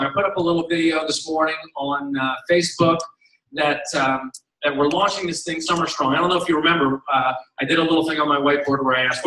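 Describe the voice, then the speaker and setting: A man's voice: fairly high pitch, sharp tone. A middle-aged man giving an emphatic motivational stage speech to coaches, repeating his slogan and acting out voices in his stories. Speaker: company executive addressing coaches. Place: large hall, on stage. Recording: echoey hall, voice from far off.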